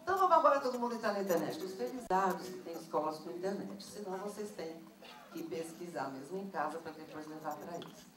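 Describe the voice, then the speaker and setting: A woman's voice: on the low side, quick pace. A woman, leading a workshop for teachers and firing questions at the audience. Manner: lively, asks the audience questions. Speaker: teacher trainer. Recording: roomy, distant mic, noisy room.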